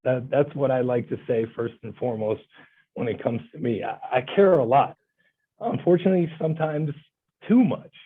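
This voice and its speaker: A man from Bulgaria talks earnestly and with passion as an interview guest. His voice is slightly husky, and the sound comes through a thin, phone-like video-call line. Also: mid-range voice, moderate pace. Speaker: guest lawyer. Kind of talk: casual interview answers.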